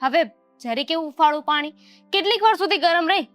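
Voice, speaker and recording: A woman's voice: very high-pitched, fairly quick, fairly bright tone, dry recording, faint music behind. A woman acting a put-upon young daughter-in-law who answers back sarcastically in a family drama. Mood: frustrated.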